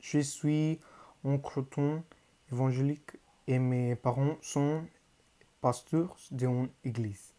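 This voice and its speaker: A teenage boy from Mexico, a native Spanish speaker with a Mexican Spanish accent, reading a prepared class presentation in a careful, halting learner's way. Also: mid-range voice, steady tone, dark tone. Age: teens. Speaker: high school student.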